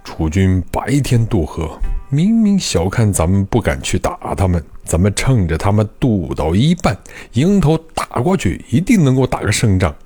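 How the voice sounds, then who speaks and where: A man's voice: on the low side, wildly swooping pitch, moderate pace, hardly any pauses, warm tone, breathy edge, faint music behind, exaggerated voice. A male storyteller voicing a loyal adviser who presses his lord urgently and bluntly.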